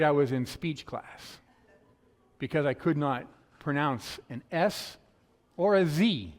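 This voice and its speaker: A male pastor from the northern United States preaching a sermon in a quick, conversational storytelling way, with a slight lisp on his s sounds. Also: a little high. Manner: fast-talking, conversational storytelling. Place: church sanctuary. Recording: long hall reverb.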